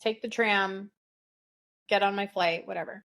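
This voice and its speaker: A middle-aged woman spinning a story in loose, casual chat. She swears freely and acts out what everyone said, keeping the telling animated throughout. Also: medium pitch, measured pace. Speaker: podcast co-host.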